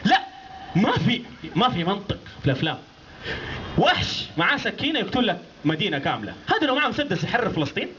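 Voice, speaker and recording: A man's voice: high-pitched, fast talker. A man with a Hijazi Saudi accent doing stand-up comedy as an escalating, exasperated rant, full of incredulous questions and acted-out bits. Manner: animated act-outs of characters. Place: live stand-up show before an audience. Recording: noisy, muffled live stage recording.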